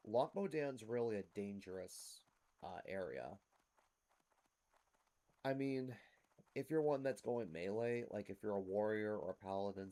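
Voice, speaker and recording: Guy with a lowish voice explaining game stuff to viewers, casual commentary. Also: dark tone. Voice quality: rough smoker's-type cough. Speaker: host of a gameplay series.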